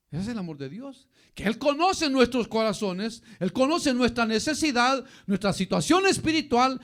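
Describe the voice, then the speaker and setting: A man preaching a Bible study sermon as pastor, often calling his listeners "brother". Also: very high voice. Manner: addresses listeners as "hermano" often, animated preaching.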